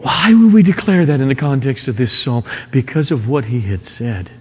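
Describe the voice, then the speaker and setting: A man preaching an expository sermon in an emphatic, dramatic manner, with rhetorical questions and swings between hushed and forceful delivery. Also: medium pitch, expressive, normal speed, breathy edge. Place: large reverberant room. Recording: dull, echoey large hall.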